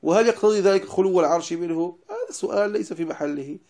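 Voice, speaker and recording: A man teaching as a religious lecturer, explaining lines of a poem and stressing key words before dropping into quiet asides. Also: high-pitched, fast. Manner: emphatic, stresses single words then drops to quiet asides.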